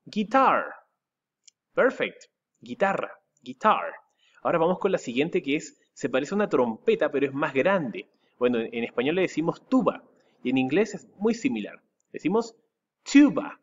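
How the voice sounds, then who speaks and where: A man's voice: fairly high pitch, sing-song, a bit bright, slightly rough, muffled recording. A man from Chile with a Chilean Spanish accent, teaching English vocabulary to pupils, spelling each word out letter by letter and repeating it. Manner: spells words letter by letter, repeats them slowly with rising stress. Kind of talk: recorded vocabulary lesson for pupils.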